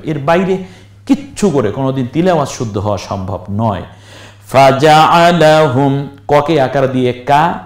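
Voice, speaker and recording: A man teaching Quran recitation step by step, spelling out letters slowly and now and then chanting a verse in a stretched tone. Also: medium pitch, darkish tone, reverberant.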